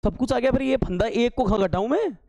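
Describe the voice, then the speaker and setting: High-voiced teasing male math teacher. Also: fairly quick, creaky, darkish tone, dry recording. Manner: teasing, scolding students with sarcastic asides; works steps aloud, repeating key terms as questions. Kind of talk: classroom lecture at a board.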